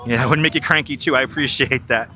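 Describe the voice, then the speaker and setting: He's a fast-talking, middle-aged New Yorker with a medium-pitched, steady, sharp voice, streaming live as he walks outdoors near a river. Slight background noise comes through his wireless clip-on mic as he chats, repeats himself, and answers chat messages he reads aloud.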